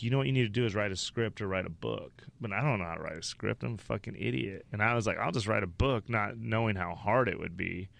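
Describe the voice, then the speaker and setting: A man's voice: on the low side, gravelly, fairly bright tone, no room sound. A man from Wyoming, a stand-up comedian, telling rambling, profane stories as a podcast guest. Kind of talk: casual interview storytelling.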